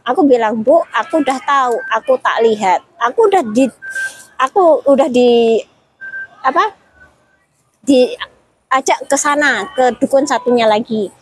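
A woman's voice: high voice, a little slow, long pauses, slight background noise, poor audio. A woman, talking casually as an interview guest and retelling her story with quoted dialogue and many restarts. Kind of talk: casual chat.

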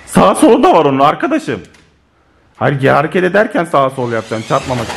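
Excitable young dad vlogging at home. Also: male voice, fairly high pitch, quick pace, creaky, a little hiss or hum. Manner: excitable, exclaiming, addresses viewers. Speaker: vlogger father. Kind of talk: family vlog commentary. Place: home living room.

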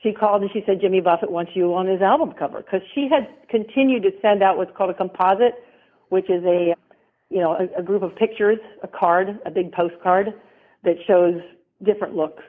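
A woman's voice: medium pitch, brisk. A middle-aged woman, a former model, chatting as an interview guest, rambling and laughing often. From American South. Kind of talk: casual interview talk. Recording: tinny phone-line sound.

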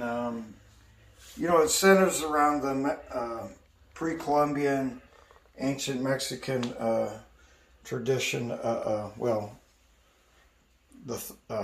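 A man in his sixties, an artist showing his studio, telling stories in a rambling way full of fillers. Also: medium pitch. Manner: rambling storyteller, many fillers. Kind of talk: casual guided tour. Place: indoor art studio. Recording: echoey room, distant mic, faint hiss.

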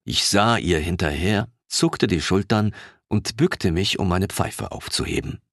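Deep-voiced, slow male audiobook narrator. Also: fairly bright tone, no echo, studio quality. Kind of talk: first-person fantasy audiobook narration.

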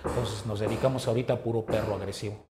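A man with a Mexican Spanish accent, an animal rescuer, talking earnestly in an interview and often pausing on filler words. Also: fairly low pitch, fairly even intonation, heavy background noise. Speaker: animal rescue group founder. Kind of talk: casual interview talk. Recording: roomy echo with faint ambience.

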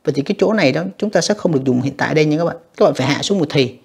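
A teacher, patiently explaining an English exam step by step and saying the English words slowly and carefully. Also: medium pitch, expressive, creaky, darkish tone, slightly rough. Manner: patient, repetitive explaining with frequent tag particles. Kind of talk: exam review lesson.

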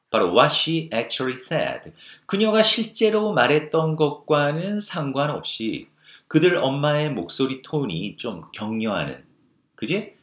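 A man with a fairly low voice teaches an exam-prep English class, his pitch swinging widely as he explains each line. He keeps asking questions and answering them himself, and acts out example phrases with broad intonation. The sound is roomy and echoey. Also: fairly bright tone. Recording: echoey room.

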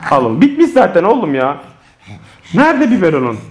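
A man's voice: high voice, brisk. A man filming a casual family vlog, talking playfully to his kids and the viewers. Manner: lively, playful, often laughing while talking to children and viewers. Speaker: family vlogger. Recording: noisy home video recording.

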